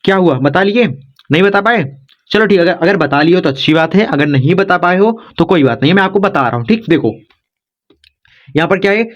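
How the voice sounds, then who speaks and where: A man's voice: sits high, animated, a little fast, muffled recording. A man giving a casual spoken lesson as a teacher, patient and repetitive, coaxing his students along. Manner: repetitive, coaxing, says "dekho" and "yaar" often.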